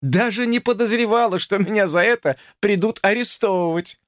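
A man's voice: sits high, normal speed, dry recording, studio quality, voice pushed up, natural voice. A man voicing a teasing, self-assured young woman who speaks in a light, mocking way.

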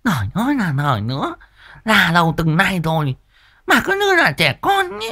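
A man's voice: high voice, huge pitch swings, normal speed, sharp tone, voice pushed up, exaggerated voice. A man voicing a bossy, nagging middle-aged village wife in a spoken story. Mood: scolding. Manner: scolding, bossy.

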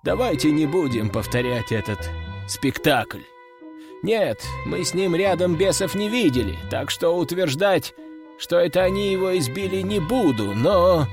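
A man's voice: on the high side, expressive, unhurried, pitched above the performer's own voice. A resigned demon underling who answers with dry, matter-of-fact sarcasm, his tone shifting up and down, as a man plays him. The reading has faint music underneath. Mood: wry. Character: weary, sly male demon servant.

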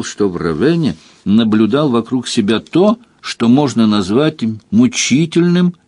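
A man narrating an adventure novel in steady, unhurried scripted narration. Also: medium pitch, no room sound. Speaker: audiobook narrator.

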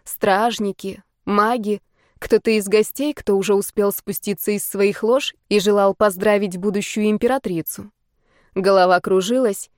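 A woman narrates a first-person audiobook in a steady, even storytelling manner. Her voice sits at a medium pitch. The sound is dry and close, with no room echo.

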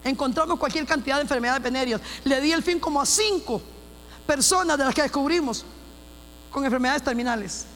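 High-voiced woman pastor, echoing hall. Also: fairly quick, a bit bright. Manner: emphatic storytelling with repeated phrases and restarts. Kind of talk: personal testimony in a church service. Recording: long hall reverb with faint mains hum.

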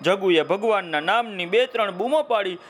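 High-voiced Gujarati storyteller man. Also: animated, normal speed. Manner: warm direct address to children. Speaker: children's storyteller. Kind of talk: children's story narration.

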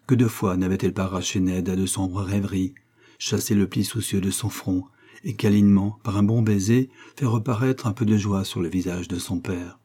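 A man narrating a classic novel as an audiobook, in a measured, even reading. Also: lowish voice, slightly rough.

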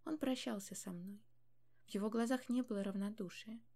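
Woman narrator, first-person audiobook, mellow tone, tense and emotional. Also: medium pitch, normal speed.

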